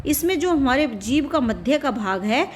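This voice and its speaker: A woman with a high voice teaches a lesson patiently. She repeats her points and poses questions before answering them. A faint hiss sits under her voice. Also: expressive, unhurried. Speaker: Hindi teacher. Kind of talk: classroom-style lesson explanation.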